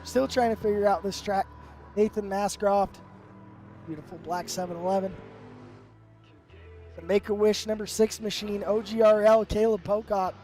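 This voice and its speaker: A man's voice: high voice, steady tone, moderate pace, long pauses, darkish tone, soft background music. A man commentating a live sim race, upbeat and rambling with fillers, his voice worn from the flu. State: sick with flu.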